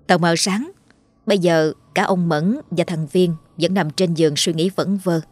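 A woman narrating a horror story in a steady, dramatic way. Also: fairly low pitch, unhurried. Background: faint music.

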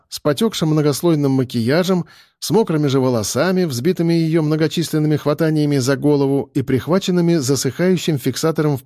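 A man reading a novel aloud as an audiobook narrator, in an even, measured way. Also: fairly high pitch, dry recording, studio quality. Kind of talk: scripted narration.

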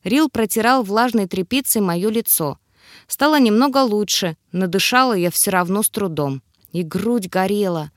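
A woman reading an audiobook in a steady, expressive way. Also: mid-range voice, moderate pace, no room sound, studio quality. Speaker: audiobook narrator. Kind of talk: scripted narration.

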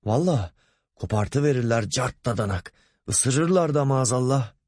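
A man's voice: mid-range voice, animated, moderate pace, a little mellow, no room sound, studio quality, voice pushed up, close to an everyday voice. A man voicing a pompous, lecherous middle-aged male boss in an audiobook, wheedling and bossy by turns. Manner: wheedling, grumbling, commanding.

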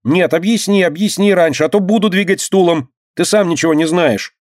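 A man voicing an excitable, capricious little girl who shouts her demands in a storybook reading. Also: mid-range voice, normal speed, husky, no room sound, studio quality.

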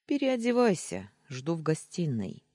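A woman's voice: huge pitch swings, unhurried, dark tone, no echo, clean studio sound, heavily acted. A woman reading a teasing, commanding young man. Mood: soothing teasing. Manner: low purring tone.

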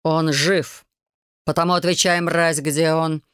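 An audiobook narrator voicing a furious, possessive male dragon, low and slowly growling. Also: steady tone, clear, resonant tone, no echo, clean studio sound, close to an everyday voice. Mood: interrogating.

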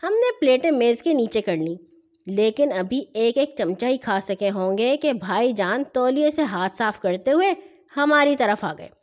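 A woman narrating a children's story with a lively, expressive reading. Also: a little high. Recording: dull lo-fi recording.

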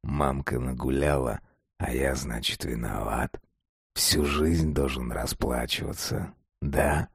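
A man voicing a sleazy, unhinged young man with a hoarse voice. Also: on the low side, big pitch swings, moderate pace, darkish tone, dry recording, clean studio sound. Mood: menacing whisper.

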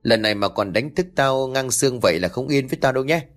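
Man doing a gruff, half-asleep middle-aged passenger. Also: mid-range voice, lively intonation, fast, pitched above the performer's own voice, lightly acted. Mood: grumpy. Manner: gruff, sleepy. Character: grumpy groggy middle-aged male passenger.

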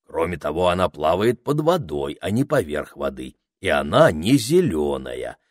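A man voicing a huge, kindly creature who is hard of hearing and talks slowly in a pompous, fussy way. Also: deep voice, big pitch swings, no room sound, studio quality.

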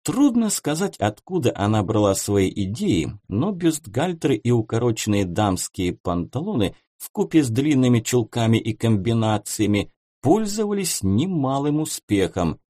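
A man's voice: mid-range voice, sing-song, moderate pace, few pauses, mellow, no room sound, studio quality. A man narrating an audiobook in a wry storytelling manner. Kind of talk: scripted narration.

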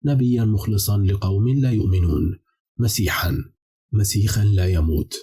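A man's voice: on the low side, normal speed, mellow, husky. A man voicing a chorus of cold, ominous enslaved demons in an audiobook, speaking in a grave, warning tone. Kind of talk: audiobook character reading.

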